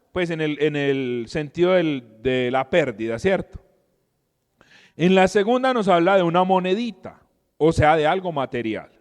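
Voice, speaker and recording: Animated teacher, reverberant room. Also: male voice, sits high. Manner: animated, asks the listeners frequent rhetorical questions. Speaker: Bible teacher and podcast host. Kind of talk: conversational Bible teaching.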